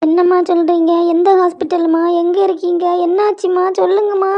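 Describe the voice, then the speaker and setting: A woman's voice: high-pitched, steady tone, fast talker, natural voice. A woman voicing a caring young working daughter in a cartoon, with a Kanyakumari Tamil accent. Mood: alarmed. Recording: lo-fi dull audio.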